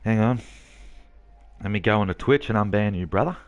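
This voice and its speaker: A man's voice: lowish voice, a little fast. A man live-streaming a game, brash and trash-talking, swearing and mocking a heckler.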